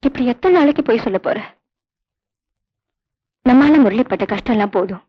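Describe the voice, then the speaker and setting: Old mom grieving for her son, soft and earnest, muffled lo-fi movie audio. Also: fairly high pitch, expressive, fairly quick, slightly rough. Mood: sorrowful. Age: older. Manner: tender, sorrowful and earnest. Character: grieving older mother consoling her son. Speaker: mother. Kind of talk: 1990s film drama acting. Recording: dull lo-fi film audio with faint music.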